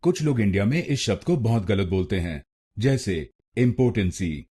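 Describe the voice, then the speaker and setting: A man with an Indian accent teaching pronunciation, drilling words slowly and carefully syllable by syllable. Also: lowish voice, very animated, mellow, breathy edge. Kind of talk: scripted pronunciation lesson.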